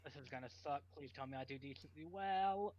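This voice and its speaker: A man's voice: a little high, a little fast, lo-fi sound. A man chatting casually as a player in a tabletop game.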